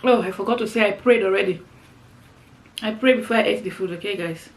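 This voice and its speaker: A woman's voice: medium pitch, brisk. A middle-aged woman chatting casually to her viewers during a meal, often repeating phrases as she explains. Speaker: mukbang vlogger. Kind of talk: casual chat to viewers while eating. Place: indoors, seated on the floor.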